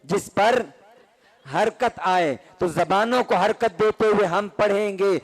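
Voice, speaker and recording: A man teaching a Quran recitation class, asking questions and having students repeat terms in rhythm. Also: sits high. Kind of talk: classroom call-and-response lesson.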